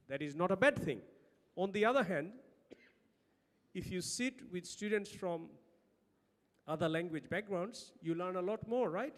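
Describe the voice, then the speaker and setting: A man with a Bangladeshi accent presents at an academic conference in a notably high voice. He speaks emphatically, putting questions to his listeners as he makes his points. His words ring with the long reverb of a hall. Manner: emphatic, uses rhetorical questions. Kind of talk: lecture-style conference presentation.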